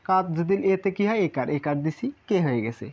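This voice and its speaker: A man's voice: fairly high pitch, animated, a little fast, a little mellow, highs cut off. A man teaching a casual Japanese lesson, repeating syllables in lists and asking rhetorical questions. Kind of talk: casual spoken lesson at a whiteboard.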